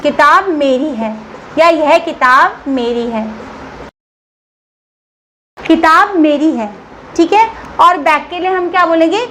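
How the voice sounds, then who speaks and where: A woman teacher with a high, light voice walks young pupils through a grammar lesson. She asks a question, waits a beat and answers it herself in a patient, steady way. A faint hiss sits under the recording. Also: takes it slowly, long pauses, rough recording. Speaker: school teacher.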